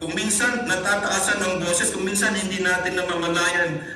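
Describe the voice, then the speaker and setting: A man's voice: high voice, fairly even intonation, moderate pace, bright, forceful tone, soft background music. A man from the Philippines, a pastor, preaching a sermon and mixing Tagalog with English while he often calls out to his brothers and sisters. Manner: preaching with repeated addresses to the congregation; mixes Tagalog and English in teaching. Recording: echoey room, mic far off, faint hiss.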